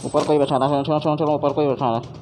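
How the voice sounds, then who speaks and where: A man chatting casually with a teammate during an online game, firing off quick repeated urgent callouts. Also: a little high, flat delivery, darkish tone, soft background music. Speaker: gamer calling out plays. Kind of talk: casual team chat while gaming.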